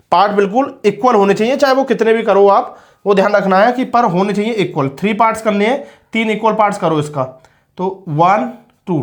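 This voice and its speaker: A man teaching a school maths lesson in a patient way, often repeating points, counting steps out slowly and checking that students follow. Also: high voice. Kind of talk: classroom-style maths lesson.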